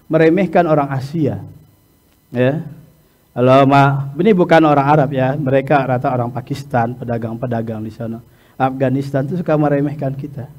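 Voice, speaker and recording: Lively man teaching hajj pilgrims. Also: a little high. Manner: peppers talk with "ya" and chuckles. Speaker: hajj instructor. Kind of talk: religious lesson lecture.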